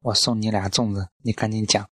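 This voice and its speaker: A man's voice: fairly low pitch, little pitch movement, a little fast, fairly bright tone, slightly rough, no echo. Man reading as a fierce scolding old mother. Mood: indignant. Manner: scolding, blunt lecturing. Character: fierce sharp-tongued old mother, woman.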